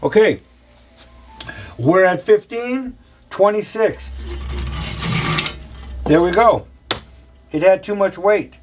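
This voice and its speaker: Speaking slowly with long pauses, a man with a high, expressive voice shows engine balancing in a casual hands-on workshop demonstration. He's a chatty, playful machinist who calls his viewers "y'all," and there's background noise.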